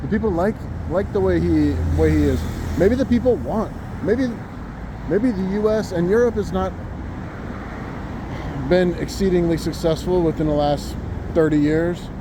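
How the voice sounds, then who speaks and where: A man's voice: sits high, normal speed. An American man giving a casual, rambling walk-and-talk monologue as he muses informally outdoors on a city sidewalk. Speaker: vlogger. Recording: outdoor street with loud traffic noise. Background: passing cars and trucks.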